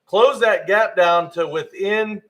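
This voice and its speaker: A man doing live race commentary at a motocross event, excitable and friendly, giving shout-outs to viewers. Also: high voice, takes it slowly.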